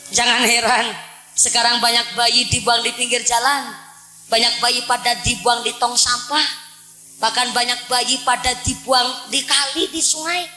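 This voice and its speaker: A woman's voice: on the high side, fairly even intonation, measured pace, bright, forceful tone, roomy sound, faint music behind, rough recording. A woman preacher from Central Java with a Banyumas Javanese accent, giving a playful, joking sermon to a village crowd and often addressing the men as "Pak". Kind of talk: humorous religious sermon. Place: village religious gathering.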